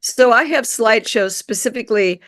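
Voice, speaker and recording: A woman with a croaky, nasal voice from a cold, giving a webinar talk as a guest speaker over a video call, apologetic and clearing her throat. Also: on the high side, moderate pace, fairly bright tone, no room sound, studio quality. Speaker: guest speaker, community consultant.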